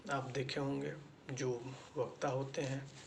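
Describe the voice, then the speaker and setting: Slow, deliberate male lecturer. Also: medium pitch, little pitch movement, creaky, slight background noise. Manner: slow, deliberate explaining with repetition. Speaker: teacher-education lecturer. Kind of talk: spoken lecture.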